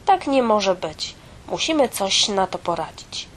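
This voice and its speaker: A woman voicing a kind, eager little female mouse in a storybook tale, lively and exclaiming. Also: fairly low pitch, measured pace, a little hiss or hum. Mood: caring.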